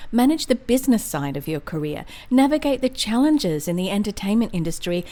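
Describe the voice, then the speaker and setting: A woman with a mid-range, darkish voice hosts a podcast, opening with a scripted introduction before moving into a conversational interview.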